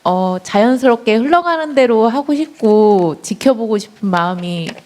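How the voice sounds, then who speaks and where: A woman's voice: a little high, expressive, normal speed, darkish tone. A young woman in the audience, politely and hesitantly asking about her boyfriend. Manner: hesitant, polite, laughs nervously. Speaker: audience member asking a question. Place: lecture hall.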